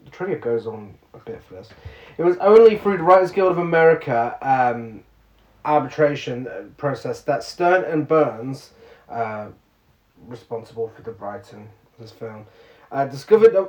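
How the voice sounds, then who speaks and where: A man's voice: mid-range voice, a little mellow. A man co-hosting a casual film podcast, laughing a lot and sarcastic as he reads out trivia. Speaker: podcast co-host. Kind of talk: casual film review chat. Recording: roomy, muffled sound.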